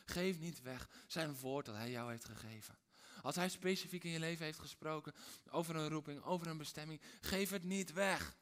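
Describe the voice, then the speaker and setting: A man preaching a sermon in a dramatic way, swinging between hushed and loud, with repeated rhetorical phrases. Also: a little high, brisk, few pauses. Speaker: pastor.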